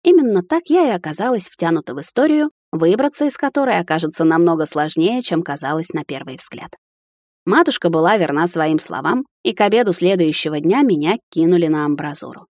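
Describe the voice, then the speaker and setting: A woman reading a first-person fantasy audiobook in a measured storytelling voice. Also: on the low side, animated, darkish tone, no echo, studio quality. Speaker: audiobook narrator.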